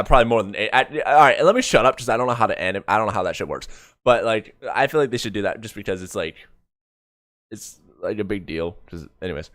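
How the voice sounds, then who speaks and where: In clean studio sound with no room echo, a man with a lowish, fairly bright voice streams his reactions to an animated comic. His commentary is casual and rambling, and he keeps correcting himself partway through thoughts, letting them trail off.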